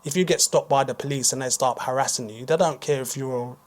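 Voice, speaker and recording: A British man speaking as a guest author on a radio talk show, explaining in a measured way and repeating words as he thinks. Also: medium pitch. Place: radio studio.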